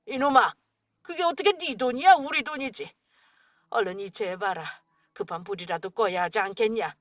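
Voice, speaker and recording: A woman voicing an angry middle-aged father-in-law, a gruff, scolding businessman, in a dramatized radio story. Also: on the high side, normal speed, no room sound, clean studio sound, close to an everyday voice.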